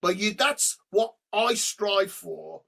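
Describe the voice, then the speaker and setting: A middle-aged man, a rock singer guest on a podcast, telling animated stories over a remote call. He swears freely and breaks into humming and sung snippets. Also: sits high, takes it slowly, gravelly. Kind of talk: storytelling in a podcast interview.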